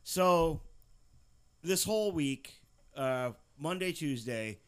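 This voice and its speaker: A podcast host from Pennsylvania tells a work story casually, speaking slowly in a fairly high, clear, resonant voice. He's an animated storyteller who swears plenty.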